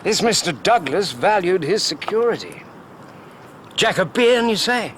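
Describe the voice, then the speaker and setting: A wry, literary gentleman doctor who muses in florid phrases in an audio drama. His bright voice swings expressively, with faint outdoor noise behind. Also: high-pitched, sing-song, measured pace, heavily acted. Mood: musing, wry. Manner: florid, musing.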